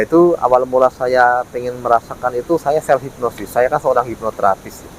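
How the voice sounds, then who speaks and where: Talking to camera in a relaxed way, this man, a ghost-hunting vlogger, explains his ideas, repeats himself and leans on frequent tag words. His voice is mid-range, and the rough recording carries faint background and traffic sounds.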